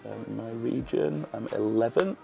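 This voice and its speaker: Playing a strategy game, a man with a fading voice offers laid-back, slangy commentary for his gaming channel. He speaks at normal speed in a creaky, medium-pitched voice while faint music plays behind him.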